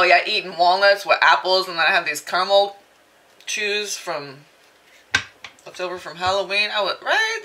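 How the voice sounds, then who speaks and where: A woman's voice: fairly low pitch, heavy background noise. A woman chatting her way casually through a tarot reading in a rambling, playful manner, often slipping into exaggerated asides. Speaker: tarot reader.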